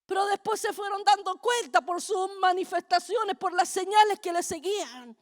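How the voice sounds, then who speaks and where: A middle-aged woman, preaching a fervent sermon that builds to shouting. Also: very high voice, normal speed. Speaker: apostle preaching at a congress.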